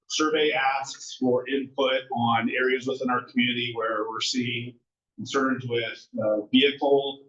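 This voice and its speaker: With a medium-pitched, fairly bright voice, a neighborhood association officer delivers unscripted meeting announcements packed with fillers and restarts. The audio, taken in a large echoey school meeting room, sounds muffled and far away.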